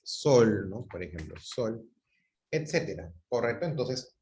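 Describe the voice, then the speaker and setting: A man's voice: lowish voice, lively intonation, measured pace, a little mellow. A man from Peru teaching a class over a video call, patiently repeating examples and checking that students follow. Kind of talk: online class lecture.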